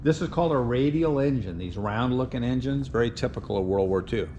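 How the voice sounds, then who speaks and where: A man's voice: mid-range voice, fairly quick, mellow, lo-fi sound. An American man, a flight instructor giving an informal, plain-spoken walk-around explanation of an airplane. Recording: outdoor airfield, clear background noise.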